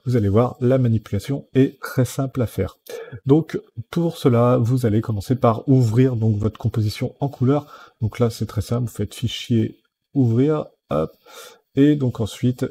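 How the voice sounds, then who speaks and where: Husky, dark-voiced man walking through software steps. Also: mid-range voice. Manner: step-by-step, many fillers like "donc" and "euh". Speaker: software tutorial host. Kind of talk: screen-recorded software tutorial.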